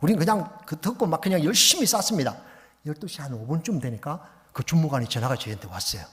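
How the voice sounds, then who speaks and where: A middle-aged man, a missionary preacher, telling a lively story in a sermon and acting out the phone calls. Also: on the high side, fast. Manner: animated, acts out phone calls and exclamations. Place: church sanctuary. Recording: long reverb of a church hall.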